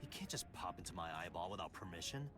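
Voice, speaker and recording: Game detective: bottom-register voice, gruff and deadpan, animated swings, music underneath. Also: male voice, low voice, quick pace. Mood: baffled, exasperated. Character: adult male detective, dry, skeptical and easily flustered. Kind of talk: English video game voice acting. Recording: music behind the voice.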